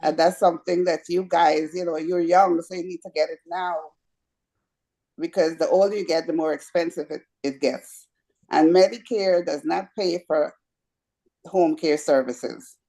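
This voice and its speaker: A woman's voice: on the low side, fairly even intonation, moderate pace, mellow. A woman from Guyana, a home care agency owner chatting and patiently explaining at a community meeting. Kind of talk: introducing herself at a community meeting.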